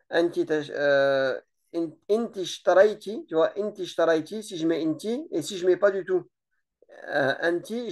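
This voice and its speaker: A relaxed teacher giving an informal grammar lesson, explaining slowly with many hesitations and repeated words. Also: mid-range voice. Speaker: Arabic teacher.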